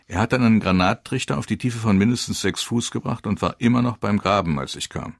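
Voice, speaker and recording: A man giving grave, measured first-person narration of a war memoir. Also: fairly low pitch, gravelly, no room sound, studio quality.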